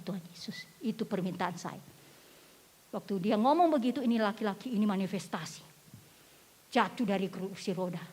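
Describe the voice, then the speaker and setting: A woman pastor preaching a sermon, telling a testimony story and asking the congregation questions, moving from quiet storytelling to loud exhortation. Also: a little high, slightly rough. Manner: addresses the congregation directly with rhetorical questions. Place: church sanctuary. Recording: long church reverb.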